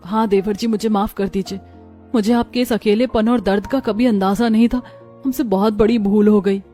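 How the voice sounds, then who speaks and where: A woman's voice: medium pitch, steady tone, normal speed, warm tone, soft background music, lightly acted. A woman voicing a sly, snobbish elder sister-in-law who talks conspiratorially. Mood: apologetic.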